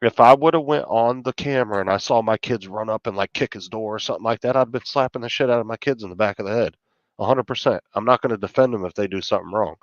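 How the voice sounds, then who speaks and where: A middle-aged man with a fairly low voice talks casually and bluntly, swearing freely as he rants. The sound is muffled and carries clear room echo. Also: quick pace. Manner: blunt, heavily profane ranting. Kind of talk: casual chat.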